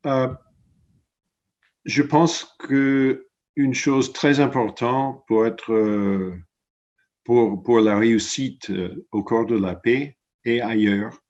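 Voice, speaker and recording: A man on a panel giving advice in halting, simply built phrases. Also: medium pitch, fairly even intonation, a little mellow, muffled recording.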